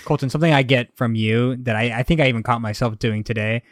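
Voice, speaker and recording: A man's voice: medium pitch, fast, dry recording, studio quality. A young man co-hosting a podcast, chatting casually, teasing his friends and laughing often. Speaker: podcast co-host. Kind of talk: casual chat.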